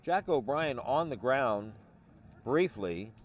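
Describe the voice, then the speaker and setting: Male play-by-play announcer, medium pitch. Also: animated, slow pace. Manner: short, clipped play-call phrases. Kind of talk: live flag football play-by-play commentary.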